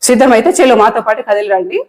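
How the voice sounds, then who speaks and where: Fast, fiery Telangana woman ranting. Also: on the high side, poor audio. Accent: Telangana Telugu. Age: adult, married. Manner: angry, impassioned and repetitive. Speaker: online political commentator. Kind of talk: heated monologue to camera.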